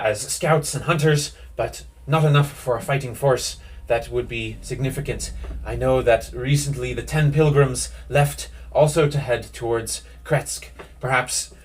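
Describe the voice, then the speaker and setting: A grave, weary young village man, as a man at the game table plays him. He speaks with sighing sternness in a voice of middling pitch. The tone is tired but firm. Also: husky.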